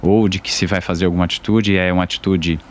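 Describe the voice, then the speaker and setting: A man talks fast in a deep, low register. He speaks earnestly and emphatically as a guest in a relaxed conversation, with his words coming in quick bursts. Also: slight background noise. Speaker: podcast guest, father. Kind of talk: casual chat.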